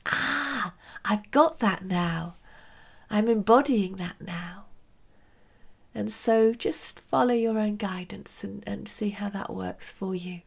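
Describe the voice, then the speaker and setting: A woman speaking as a spiritual meditation teacher, gentle and measured, pausing between phrases. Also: mid-range voice, gravelly, slightly rough. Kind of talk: unhurried spiritual guidance talk.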